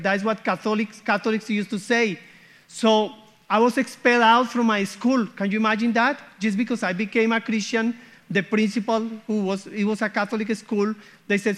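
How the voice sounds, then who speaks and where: A man from Colombia, a guest missionary, shares his church testimony earnestly, often checking in with "okay?" and "hmm?". His voice is high and a bit bright.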